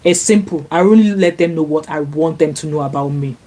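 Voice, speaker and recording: On a live stream recorded with a laptop at her home in sunny Glasgow, a Nigerian vlogger who first spoke Yoruba reads out viewers' comments. Her voice is low-pitched, mellow and fairly quick, and she chats casually with plenty of fillers and restarts, rising when indignant.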